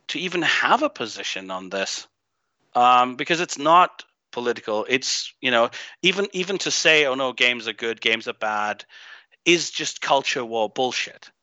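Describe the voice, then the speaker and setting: A Greek man with an unusual, mixed foreign-tinged accent appears as a podcast guest, a game writer and designer. His medium-pitched voice sounds pushed and bright, and he speaks haltingly and emphatically, thinking aloud and voicing strong opinions. The online audio is dull and band-limited, with no room sound.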